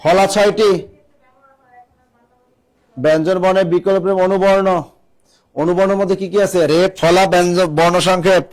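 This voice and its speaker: A man's voice: high-pitched, level tone, moderate pace, long pauses. A male teacher giving a classroom lecture, repeating key phrases and quizzing his students. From Bangladesh.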